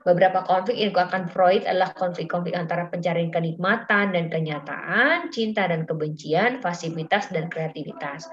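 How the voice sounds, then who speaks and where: A woman's voice: on the low side, moderate pace, few pauses. A middle-aged woman giving an informal psychology lecture, chatty and full of fillers, acting out quoted exchanges. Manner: chatty, many fillers, acts out quoted dialogue. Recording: slightly dull lo-fi audio.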